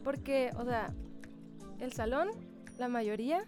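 Teasing young woman over loud music. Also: on the high side, slow pace. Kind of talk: casual chat. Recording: loud music under the talk.

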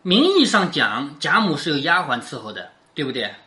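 Woman teacher, animated lecture on classic fiction, bright clear tone, keeps asking the class if they follow. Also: sits low, normal speed. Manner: explains line by line, keeps checking in with questions. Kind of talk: classroom lecture reading and explaining a classic novel.

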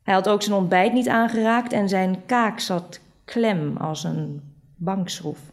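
A woman reading a literary short story aloud in a measured, dry storytelling manner. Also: mid-range voice. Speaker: reader.

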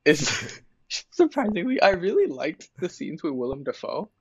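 A man co-hosting a casual podcast, talking in an animated way with many fillers and laughing. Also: a little high, moderate pace, lo-fi sound, slight background noise. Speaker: podcast co-host. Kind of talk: casual chat.

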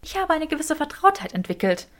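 A woman reading a clever, composed young witch in a brisk, matter-of-fact way. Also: sits high, big pitch swings, fairly bright tone, voice pushed up.

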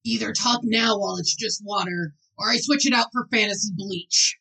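A woman voicing a menacing male minotaur rogue who makes quiet, weary threats in a tabletop game. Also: medium pitch, moderate pace, creaky, breathy edge, recorded from a distance, full character voice, rough recording. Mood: coldly threatening.

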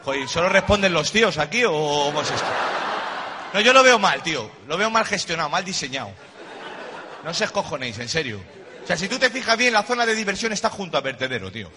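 Middle-aged male stand-up comic, slightly high voice, slangy and cheeky with the audience, recorded live with a noisy laughing crowd. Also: very animated, fast talker. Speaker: stand-up comedian. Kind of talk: stand-up comedy monologue. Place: live comedy stage before an audience.

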